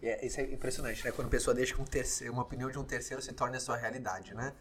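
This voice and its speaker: A man's voice: medium pitch, fairly even intonation, racing. A man hosting a casual interview, reflecting on his guest's points and asking questions. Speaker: podcast host.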